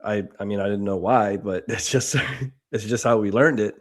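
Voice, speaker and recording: A man from the Bahamas co-hosting a casual sports podcast, explaining his view in a measured way with examples. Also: lowish voice, fairly even intonation. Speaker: podcast co-host.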